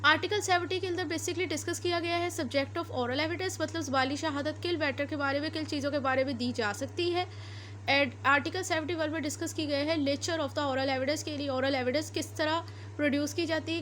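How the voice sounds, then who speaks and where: Her voice sits high with a fairly bright tone. In an explanatory law lecture mixing Urdu and English, this woman with a Pakistani accent keeps going back to repeat and rephrase what she's said.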